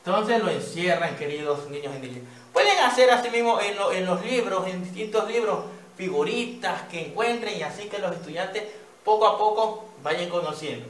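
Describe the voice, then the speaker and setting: A man teacher giving a children's reading lesson, patiently sounding out words slowly and checking in with "¿ya?". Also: high-pitched, lively intonation, a bit bright, roomy sound, slight background noise.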